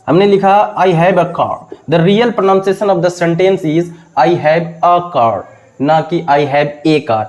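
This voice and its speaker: A man's voice: on the high side, a little mellow, poor audio. A man teaching pronunciation in a video lecture, explaining step by step and asking and answering his own questions. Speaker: English teacher.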